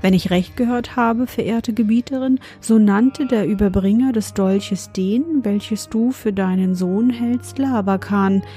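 A woman voicing a clever old female servant in a fairy tale, speaking slowly and respectfully. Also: medium pitch, dark tone, soft background music, lightly acted. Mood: deferential.

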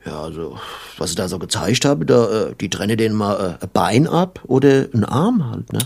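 A man voicing a coarse, gossiping middle-aged man with a blunt, rambling manner and a gravelly, husky voice. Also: fairly low pitch, big pitch swings, brisk, a little mellow, voice pushed down, exaggerated voice.

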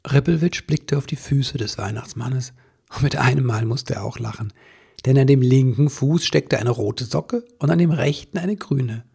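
A man narrating a children's Christmas story as a podcast host, in a calm, expressive reading. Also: mid-range voice, moderate pace, gravelly, breathy edge.

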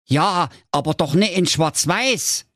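A man voicing an excitable, foul-mouthed fairy-tale brother in a Saxon accent, yelling in a frantic manner for a comic audio story. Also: high voice, slow pace, dry recording, clean studio sound, voice pushed up. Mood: agitated. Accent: Saxon German.

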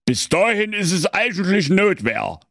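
A high-voiced, grumbling fairy-tale inspector draws out his words slowly with a lively, sing-song lilt, played by a man. The sound is dry and close. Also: creaky, no echo, heavily acted. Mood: exasperated. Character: grumpy, emotional male fairy-tale police inspector.

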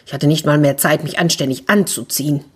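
A woman's voice: low voice, fairly quick, husky. A woman voicing an old man who is a fart come to life, squawky and indignant.

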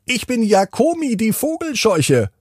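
A man doing a high, sing-song friendly scarecrow. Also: huge pitch swings, a little slow, husky, dry recording, clean studio sound, exaggerated voice. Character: friendly talking garden scarecrow, calm and helpful.

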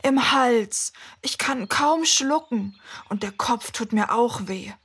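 A breathy sick little girl. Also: a little high, fairly bright tone, exaggerated voice. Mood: weak. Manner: very breathy, slow and tired. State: sick, weak. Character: young girl sick with a cold, weak. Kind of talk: children's show acting.

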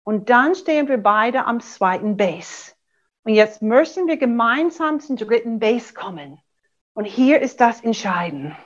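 A middle-aged American woman, a native English speaker, coaching a webinar in German in an animated way and acting out short sample dialogues, on dull lo-fi webinar audio. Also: a little high, unhurried. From USA. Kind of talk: webinar teaching.

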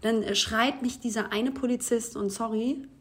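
Woman, podcast co-host, casual chat, animated storyteller, fairly high voice. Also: normal speed. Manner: animated storytelling, acts out quotes, laughs often.

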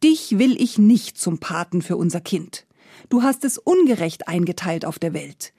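A woman's voice: fairly low pitch, very animated, moderate pace, dark tone, husky, no echo, studio quality, heavily acted. A woman voicing a poor, desperate peasant father of thirteen, speaking earnestly.

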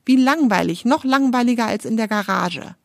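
A woman's voice: a little high, expressive, normal speed, creaky, no echo, studio quality. A woman voicing a cheerful, chatty male magic motorcycle in a children's story, a bit whiny about being bored. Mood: relieved.

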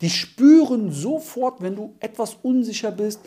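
A man teaching cold calling in a punchy, emphatic way, with sound words like boom and zack. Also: animated, measured pace, mellow, breathy edge. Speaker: cold-calling sales trainer. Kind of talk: instructional sales training talk.

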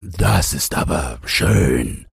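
Voicing a scheming, sly big bad wolf for a storybook, this man uses a deep, gravelly, husky tone and slow, drawn-out, coaxing speech. He is very animated, giving a full character voice. The studio-quality recording carries no room sound.

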